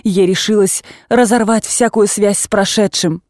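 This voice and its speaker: A woman reader voicing a remorseful young wife who pleads slowly and tearfully with her husband, rising into high cries. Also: fairly even intonation, darkish tone, dry recording, clean studio sound, close to an everyday voice. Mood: pleading. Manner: imploring, slow, breaking into high tearful cries.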